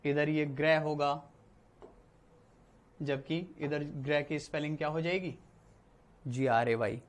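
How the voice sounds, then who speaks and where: A man's voice: on the high side, steady tone, slow. Male teacher, patient explainer who repeats key words and keeps checking in. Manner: explains step by step, repeats words, says "ठीक है" often. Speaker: English teacher. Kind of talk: spoken Hindi classroom lesson.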